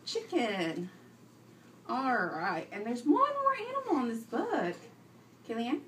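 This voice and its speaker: Her voice on the high side and fairly bright, a woman teacher reads aloud slowly with big pitch swings, stopping to question young pupils and repeat their replies. The mic sits at a distance in the indoor classroom, so the sound is roomy with a little faint noise.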